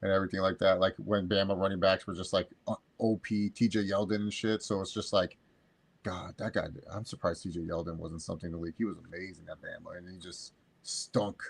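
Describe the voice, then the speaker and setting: A man's voice: low voice, little pitch movement, a little fast, vocal fry, slightly rough. A man in his thirties co-hosting a sports podcast, rambling casually with crude jokes and frequent restarts. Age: 30s. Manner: rambling, crude, self-interrupting. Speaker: podcast co-host.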